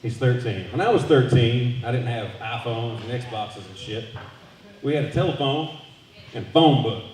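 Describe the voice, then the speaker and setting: A man's voice: medium pitch, normal speed. A man doing a loose, profane stand-up set. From Southern US. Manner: loose, profane storytelling with animated voice jumps. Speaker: stand-up comedian. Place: brewery comedy showcase stage. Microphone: handheld stage microphone. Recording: echoey room from far off.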